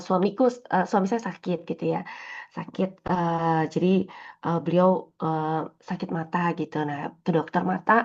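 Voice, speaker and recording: A woman's voice: lowish voice, a little mellow, muffled recording. A woman giving a casual morning devotional talk, conversational and full of fillers and tag questions. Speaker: devotional speaker.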